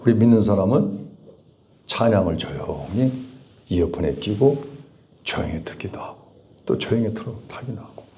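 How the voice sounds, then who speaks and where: A man preaching as a pastor, with rhetorical questions, emphatic repetition, and sudden swings from loud pleading to low, quiet asides. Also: lively intonation, moderate pace. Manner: bursts out to dramatize cries, then drops low. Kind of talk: sermon.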